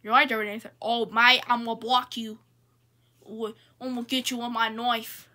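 In an improvised comedy skit, a woman gives a brash, matey performance as Australia, playing a cheerful Aussie bloke who's a bit too happy with a knife. Her put-on Australian accent, fairly high pitch, level tone and normal speed come with a sharp edge, and the mood is both cheerful and menacing, full of repetitive, slangy phrasing.

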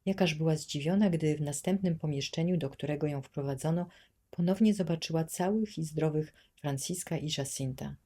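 Lady reading a story audiobook, calm and steady. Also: sits low, moderate pace. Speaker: audiobook reader. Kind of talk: scripted audiobook narration.

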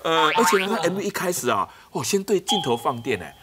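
An actor playing a blustering, self-important middle-aged politician in a comedy sketch, with a Taiwanese Mandarin accent, bombastic and forever asking "right?". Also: male voice, on the high side, very animated, very noisy. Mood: boastful. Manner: bombastic, keeps asking "right?", drawn-out exclamations. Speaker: satirical politician character. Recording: loud music underneath.

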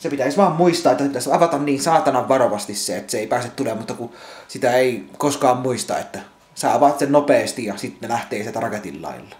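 A man's voice: mid-range voice, darkish tone, roomy sound. A man vlogging from his home, ranting angrily about a burst bottle, swearing constantly and repeating himself. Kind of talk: angry rambling vlog rant. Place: at home indoors.

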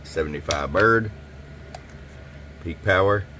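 A man with an extremely deep voice talks a customer through a tune-up at his radio workbench. He is folksy and chatty, and his casual talk carries a faint hiss behind it. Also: slow pace. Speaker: radio shop owner.

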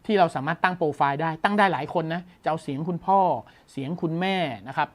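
A man's voice: a little high, fast talker. A man hosting a tech news show, explaining a gadget in a casual, enthusiastic way and exclaiming often.

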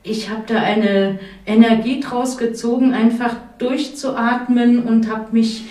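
A woman guest softly and dreamily telling a personal story on a talk show. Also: on the high side, steady tone, slow pace. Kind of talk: reflective personal account. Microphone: far camera. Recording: roomy sound from a distant mic.

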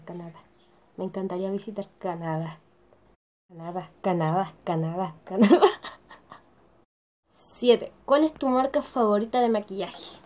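Lying on her bed in her bedroom, a young teenage YouTuber chats casually to the camera, giggling often and peppering her speech with "o sea." She says she is shy, and her voice is medium-pitched with a darkish tone.

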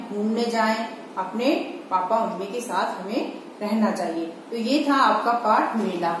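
A woman's voice: on the high side, slight background noise. A woman teaching Hindi to small children in a patient lesson, sounding out syllables and asking rhetorical questions. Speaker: primary school Hindi teacher. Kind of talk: slow, patient classroom lesson video. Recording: echoey room, voice a bit distant from the mic.

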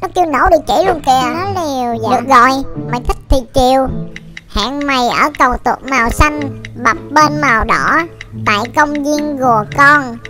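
A woman voicing a bratty, boastful young boy artist who is brash, bossy and quick to take offence. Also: high-pitched, lightly acted. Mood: defiant. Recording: loud music behind.

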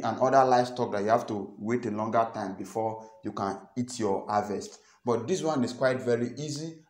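A man's voice: mid-range voice, a little mellow. A young Nigerian man with a Nigerian accent, explaining step by step to camera and often repeating himself. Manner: repeats phrases, earnest and explanatory. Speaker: farming channel host. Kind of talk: instructional vlog talk to camera. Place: small indoor room. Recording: echoey small room.

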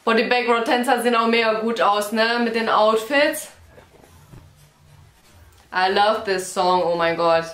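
A woman's voice: on the high side, a little slow, long pauses, fairly bright tone. Gushing woman reacting with echo. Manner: gushing, mixes English exclamations into her talk. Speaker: reaction video host. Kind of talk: excited reaction commentary. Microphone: headphones on, desk mic. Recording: roomy echo with faint music behind.

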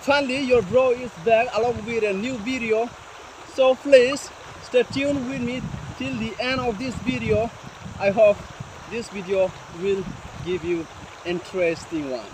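A man narrating an outdoor exploration vlog in halting, short, repeated phrases. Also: very high-pitched, fairly even intonation, noisy background. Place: outdoors on riverbed, hillside and forest.

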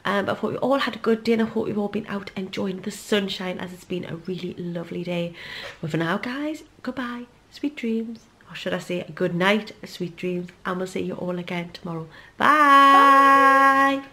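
A woman's voice: on the low side, moderate pace, hardly any pauses, slight background noise. A woman in her thirties with a Geordie accent, chatting casually to her camera at home in a rambling family vlog. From North East England. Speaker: vlogger, mother.

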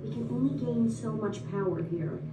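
A woman voicing a haughty, scheming teenage villainess in an animated film, theatrical and disdainful. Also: on the high side, normal speed, far from the mic, over a noisy crowd, lightly acted. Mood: exasperated. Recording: echoey TV playback filmed from afar.

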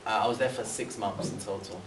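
A young British university student, there as a guest speaker, answers questions from a seat in a large indoor room with a banner. He talks quickly in a lowish voice, rambling with many fillers and restarts and moving his hands animatedly. A distant camera mic captures echo and a faint hiss.

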